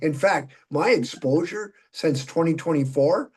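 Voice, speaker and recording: This seventies-aged Minnesotan man has a somewhat high, slightly rough voice with a darker tone, and he takes his time. Running for office, he chats casually in a talkative, folksy manner and laughs now and then mid-sentence.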